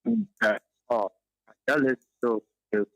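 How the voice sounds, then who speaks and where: A man calling in to a radio talk show over the phone, speaking in a hesitant, halting way. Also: medium pitch, a bit bright, no echo. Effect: heard over a phone line. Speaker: caller.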